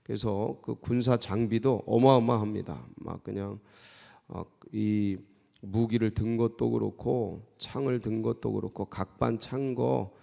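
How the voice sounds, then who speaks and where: A male pastor giving a dawn sermon, retelling the story in an animated way with frequent prompting asides to the congregation. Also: fairly low pitch, a little slow, gravelly. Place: church sanctuary. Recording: long church reverb.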